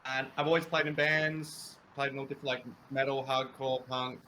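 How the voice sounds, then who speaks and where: A man's voice: mid-range voice, flat delivery, normal speed, bright, forceful tone, a little hiss or hum, poor audio. A man from New Zealand, raised in Melbourne, chatting and teasing as a band guest on a video call. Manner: laughing, teasing. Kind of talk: casual chat.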